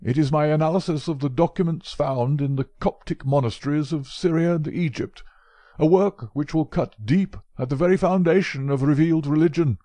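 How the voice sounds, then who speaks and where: A fussy, frail old scholar with a mincing, carefully chosen way of speaking, as a man puts him on. His voice sits well above the reader's own and pushes out louder and more insistent. It has a dry, close sound. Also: fairly high pitch, normal speed, dry recording, voice pushed up, lightly acted. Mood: anxious, flattering. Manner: mincing, precise speech. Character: frail old male professor, fussy, chain-smoking.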